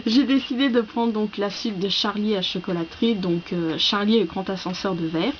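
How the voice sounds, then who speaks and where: A woman's voice: mid-range voice, normal speed. A woman talking casually in a book vlog, hesitant and full of fillers, reading parts from her notes. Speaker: book vlogger. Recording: slightly dull lo-fi sound with faint hiss.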